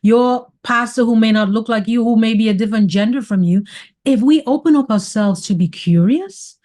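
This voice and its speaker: A woman's voice: fairly high pitch, moderate pace, a little mellow. A woman from Saint Kitts hosts a reflective interview, speaking in an effusive, affirming way and repeating phrases for emphasis. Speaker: podcast host.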